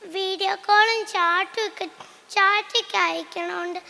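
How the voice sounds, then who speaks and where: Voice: very high voice, steady tone, gravelly, bright, forceful tone, heavily acted. A child voicing a busy mother glued to her phone, who brushes off her little daughter in a school stage monoact. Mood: dismissive. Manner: brushes off the child curtly, hurried. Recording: echoey school hall.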